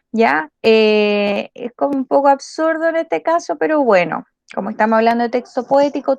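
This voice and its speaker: A woman's voice: high-pitched, a little mellow, no echo, muffled recording. A woman teacher with a Chilean accent, explaining a school lesson patiently and checking often whether the class follows.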